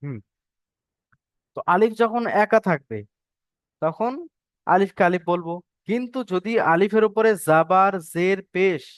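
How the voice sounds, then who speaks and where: High, clear-voiced man teaching reading. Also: unhurried, long pauses, dry recording, studio quality. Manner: patient, repeats points and drills pronunciation. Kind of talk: online Arabic letter-reading lesson.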